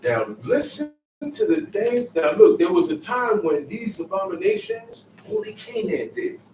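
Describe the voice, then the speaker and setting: Animated man teaching scripture in echoey room. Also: high-pitched, measured pace, a little hiss or hum. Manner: emphatic, repetitive, street-casual phrasing. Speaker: Bible teacher. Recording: echoey room, mic far off, faint ambience.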